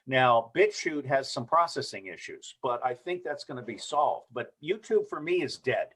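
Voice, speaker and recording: A man's voice: mid-range voice, lively intonation, moderate pace, fairly bright tone, husky. Direct older male interviewer. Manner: direct, steering the talk. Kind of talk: casual interview questions.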